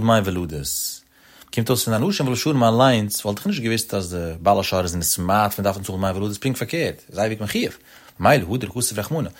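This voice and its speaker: A man giving a Talmud study lecture in a sing-song study cadence, often rising in pitch at the ends of his phrases. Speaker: Talmud teacher.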